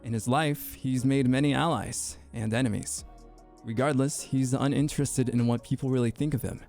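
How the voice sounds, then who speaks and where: A man's voice: mid-range voice, fairly even intonation, vocal fry, a little mellow, faint music behind. A young man streaming his VTuber debut, goofy and joking, often tripping over his words in restarts. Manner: goofy, joking, quick to laugh; stammering restarts. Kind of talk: casual livestream chat.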